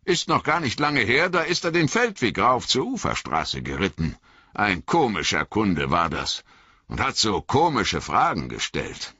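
A man voicing a gruff, hearty male hobbit farmer in an audiobook, speaking in a booming, blustery, rustic way. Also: wildly swooping pitch, a little slow, pushed and bright, dry recording, highs cut off, full character voice.

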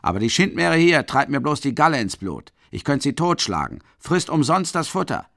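A man voicing a drunken, cruel male peasant carter who bellows loudly in a raised voice. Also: very animated, moderate pace, vocal fry, no echo, studio quality, exaggerated voice. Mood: boisterous. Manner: bellowing, higher and louder than the narration.

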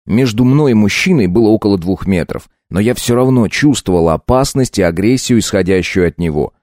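A man narrating an audiobook in a steady, measured way. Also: fairly low pitch, dry recording, clean studio sound. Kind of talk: scripted narration.

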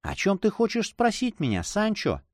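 Anxious young noblewoman, read by a man, high-pitched and pleading, emotional storybook sister. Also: huge pitch swings, normal speed, no echo, clean studio sound. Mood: worried.

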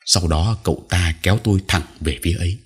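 Low husky male narrator, steady scripted storytelling. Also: fairly quick.

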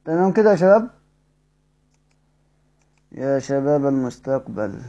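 A man with an Egyptian accent teaching Quran recitation rules. He explains quickly in colloquial speech, asks his students questions, and recites verses slowly and drawn out. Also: mid-range voice, very animated, warm tone, highs cut off. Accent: Egyptian Arabic. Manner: addresses students directly with questions. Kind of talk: Quran tajweed lesson mixing explanation and slow recitation.

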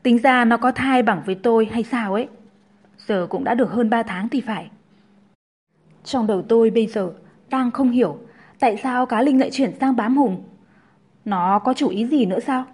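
A woman's voice: on the high side, moderate pace, pauses often, a little mellow, slightly rough. A woman narrating a first-person family drama story in a plain, conversational way.

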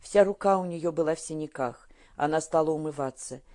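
Woman audiobook narrator, low and deep, steady delivery. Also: brisk. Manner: steady storytelling. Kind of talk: scripted narration.

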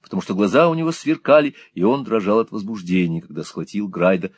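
A man narrating a classic novel as an audiobook with expressive, dramatic storytelling. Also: lowish voice, fast, breathy edge, dry recording.

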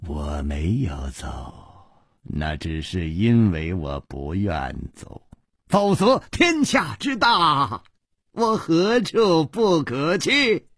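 A man voicing a proud, cornered male gang chief who laughs mockingly and drawls low and slow. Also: big pitch swings, fairly bright tone, husky, no echo, clean studio sound, exaggerated voice. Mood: sly.

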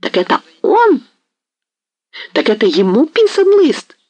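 Audiobook villain: brutal hoarse Cossack hetman, raised pitch, a male narrator playing him. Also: expressive, normal speed, no echo, highs cut off, heavily acted. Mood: enraged. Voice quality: hoarse, wild, raging. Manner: shouting threats, growling. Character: furious ruthless male Cossack hetman, older. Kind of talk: audiobook character reading.

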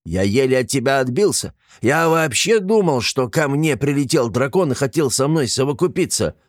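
A man's voice: mid-range voice, lively intonation, normal speed, no echo, studio quality, pitched above the performer's own voice, close to an everyday voice. A man voicing a small, cheeky male shortling creature who grumbles and bleats when frightened. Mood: indignant. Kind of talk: audiobook character voice.

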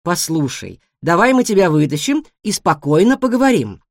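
A woman voicing a firm, motherly grown female cat in a storybook, calm but bossy. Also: on the low side, moderate pace, no room sound, studio quality. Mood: coaxing. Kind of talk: storybook reading.

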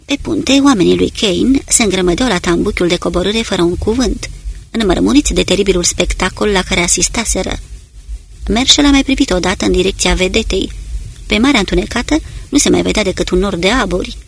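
A narrator reading a war novel aloud in a steady storytelling delivery. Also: mid-range voice, creaky, slightly rough. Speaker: audiobook narrator. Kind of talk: dramatic audiobook narration.

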